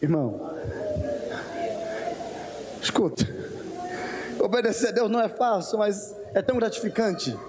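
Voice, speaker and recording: A man with a Brazilian Portuguese accent preaching a sermon in church, with impassioned, shouted repetitive refrains. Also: sits high, expressive, unhurried, pauses often, noisy background.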